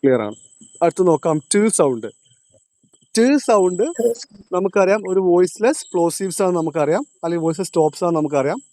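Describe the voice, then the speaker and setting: A male teacher, lecturing in a classroom, quizzing his students and repeating each point, slowing down on key terms. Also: high-pitched, expressive, dark tone, no echo.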